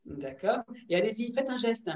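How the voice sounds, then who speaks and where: A woman teacher trainer leading an online workshop, lively and directive, often checking in with the group over a video call. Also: on the high side, moderate pace. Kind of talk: online workshop on classroom activities. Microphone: computer mic on a video call. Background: building works next door.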